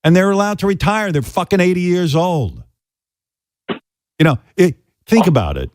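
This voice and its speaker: An older man behind a close studio mic, hosting a radio show with lively swings in pitch. He rants in a profane, mock-indignant way, jumping between voices in casual banter. The sound is dry and close. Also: moderate pace, no echo.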